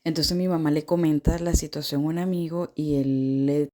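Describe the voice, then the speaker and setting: A woman's voice: low voice, fairly even intonation, normal speed, a little mellow. Earnest young woman testifying. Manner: earnest, fervent narration. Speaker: testimony giver. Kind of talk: personal testimony.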